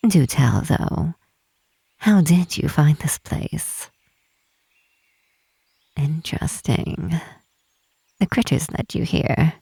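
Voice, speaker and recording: Here the same half-elf tower mistress teases in a husky, creaky, deep-sitting voice that is soft and intimate, acted by a woman for fantasy ASMR. Her phrasing is formal and archaic, her delivery expressive, and her leisurely, playful curiosity comes with a welcoming warmth. There's no echo, and the character voice never drops.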